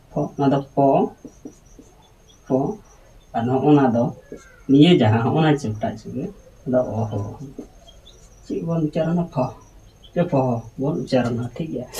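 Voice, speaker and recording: Man, language teacher, letter-by-letter pronunciation lesson, unhurried, repeats each sound, mic at a distance. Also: medium pitch, a little mellow, lo-fi sound, a little hiss or hum. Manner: patient, repeats each sound and checks understanding.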